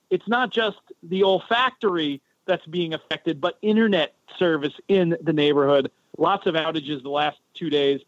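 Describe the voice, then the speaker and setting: A chatty man hosts a podcast, talking in a loose, rambling way. His voice sits a little high and comes through a cell phone held to his head, so it sounds tinny and dull. The sound is dry, with no room echo. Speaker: podcast host. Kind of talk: casual podcast talk. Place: home in a city neighborhood.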